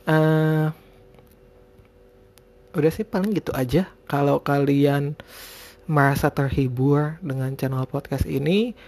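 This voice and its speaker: A man's voice: on the high side, steady tone, slow pace, pauses often, a little mellow. An Indonesian man hosting a solo podcast in casual, rambling chat, often searching for words, with a lisp on his r sounds. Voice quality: lisped r sounds. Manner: informal, rambling, hesitant word-searching. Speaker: podcast host.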